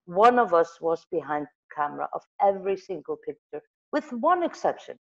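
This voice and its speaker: Over a video call on an earbud headset mic, a middle-aged Icelandic magazine editor tells stories animatedly, gesturing and often restarting or correcting herself. Her fairly low, gravelly voice comes at a moderate pace with lo-fi sound, from a room with a wall of photos.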